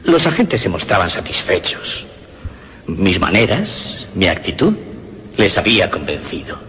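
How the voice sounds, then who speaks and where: A man's voice: big pitch swings, unhurried, a bit bright. A man giving a theatrical, dramatic reading of a story. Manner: theatrical, pitch swinging widely. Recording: clear crowd noise behind.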